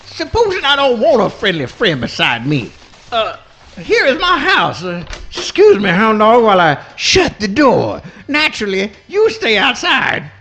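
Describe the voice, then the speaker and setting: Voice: medium pitch, huge pitch swings, a little slow, fairly bright tone, heavily acted. An actor voicing a mild-mannered male possum in folksy swamp dialect with mangled grammar, in a live radio play. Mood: exasperated.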